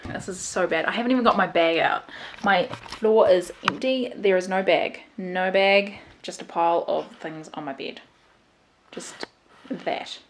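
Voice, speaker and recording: A woman's voice: on the low side, unhurried, reverberant, a little hiss or hum. A young woman in her twenties with a New Zealand accent, talking candidly and rambling to her camera at home in a casual vlog. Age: 20s. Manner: rambling, candid, self-deprecating. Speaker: vlogger. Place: bedroom at home.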